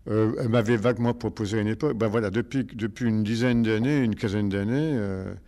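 Gravelly low-voiced older actor, halting. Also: male voice, dark tone. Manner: rambling, halting with many restarts. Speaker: stage actor. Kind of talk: interview answers.

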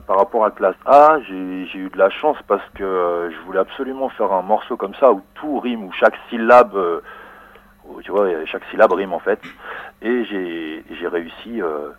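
A man, a rapper answering interview questions in a relaxed way, with many fillers and restarts. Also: sits low, normal speed, dry recording. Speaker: rapper guest. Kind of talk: casual radio interview answers. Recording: phone-like narrow dry line.

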